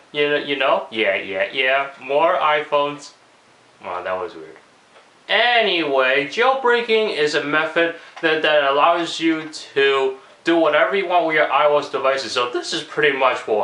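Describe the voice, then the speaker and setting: A man's voice: fairly high pitch, pushed and bright, roomy sound, rough recording. A man with a cold and a cracking voice, rambling casually through a video commentary with lots of fillers. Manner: rambling, many fillers and restarts. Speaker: tech vlogger.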